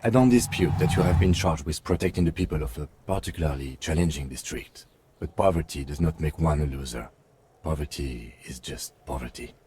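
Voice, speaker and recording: A very deep, sardonic inner voice. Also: male voice, a little fast, warm tone, slight background noise. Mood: measured. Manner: dry, sardonic second-person narration. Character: deep inner voice of the mind, grim and cutting. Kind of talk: video game narration.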